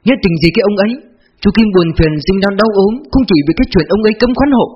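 A man's voice: sits high, lively intonation, rapid-fire, muffled recording, slight background noise, pitched above the performer's own voice. A man voicing an older woman in an audiobook, a grieving sister-in-law who speaks choked and reproachful. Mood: indignant.

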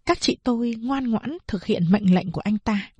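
A woman narrating a novel aloud in a measured storytelling manner. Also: on the high side, darkish tone, breathy edge, no echo. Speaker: audiobook narrator. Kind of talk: scripted narration.

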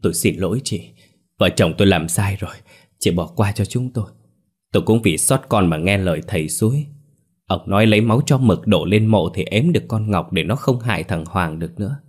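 A man's voice: deep voice, lively intonation, a little fast, breathy edge. A man voicing a tearful remorseful mother. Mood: pleading. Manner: tearful, pleading apology. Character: remorseful middle-aged mother begging forgiveness.

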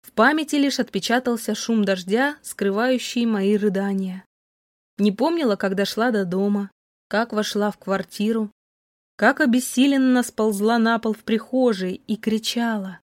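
A woman's voice: a little high, moderate pace, dry recording. Young woman narrating an audiobook, dry sound. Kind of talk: first-person audiobook narration.

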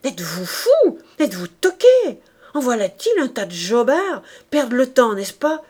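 A woman reading as Thénardier, frantic loud gang boss. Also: sits high, animated, normal speed, voice pushed up. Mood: scornful. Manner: loud, urgent, scornful. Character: scheming middle-aged male gang leader, frantic.

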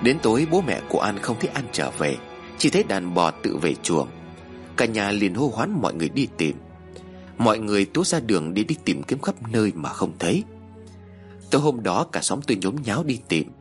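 A low-voiced man tells a first-person horror story in a measured, somber way. His pitch moves in lively swings, and faint music plays underneath.

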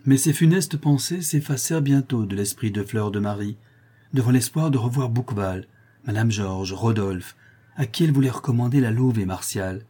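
Guy narrating an old novel audiobook, mellow dark tone, measured. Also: medium pitch, slightly rough. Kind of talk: scripted narration of a classic novel.

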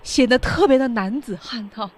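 A woman's voice: fairly high pitch, normal speed. A woman co-hosting a radio English lesson, chatting and prompting the teacher with questions for listeners. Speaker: radio co-host.

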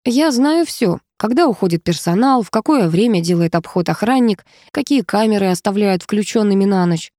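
A woman voicing a cheeky, calm young man who teases his companion, in an audiobook reading. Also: mid-range voice, moderate pace, hardly any pauses, no echo, clean studio sound, natural voice. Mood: calm teasing.

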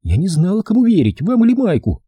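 A man reading an audiobook voices a sharp-tongued, impatient young brunette woman who scolds and chatters. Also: high voice, wildly swooping pitch, fast, breathy edge, dry recording, voice pushed up, heavily acted. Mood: chattering.

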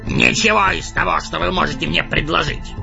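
A man's voice: a little fast, lo-fi sound. A man reading an audiobook voices an enraged, proud older dwarf king in a strained, ranting voice, over faint music. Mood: scornful. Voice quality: shrill, gravelly and strained when shouting. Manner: ranting, accusing.

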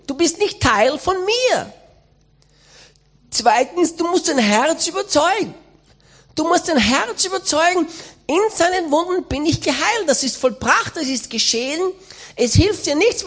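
A woman speaking a sermon as a voice-over, in an emphatic, exhorting way. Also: sits high.

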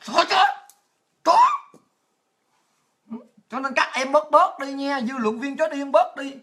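Born in Vietnam, this woman hosts a livestream talk show where she rants crudely and abusively, her voice sharp and forceful, often bursting into laughter. Her pitch is high and her pace a little slow.

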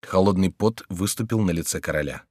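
A man narrating a historical novel as an audiobook in an expressive, measured storytelling way. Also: low-pitched, no echo, studio quality.

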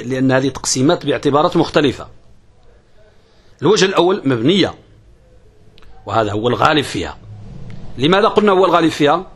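A man's voice: on the high side, husky. A man teaching a classical grammar lesson, asking questions and answering them himself, repeating key phrases. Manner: uneven pace, stretching some words and rushing others.

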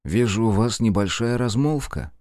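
A man voicing a cold, cruel gentleman with a slow, smirking drawl. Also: lowish voice, expressive, no echo, studio quality. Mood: snide.

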